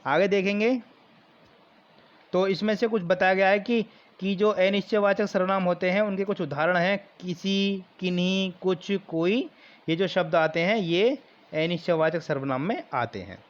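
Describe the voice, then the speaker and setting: A man teaching a grammar lesson for exam preparation, explaining slowly and repeating key terms. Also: high voice, lo-fi sound.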